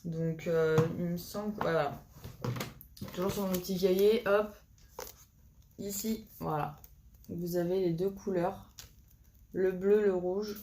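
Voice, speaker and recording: A woman talks casually to her viewers in a somewhat low voice. She is chatty and hesitant, often pausing on fillers and restarting her sentences. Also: fairly even intonation, mellow, slight background noise. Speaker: vlogger showing a haul of coloring supplies. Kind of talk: casual chat to camera.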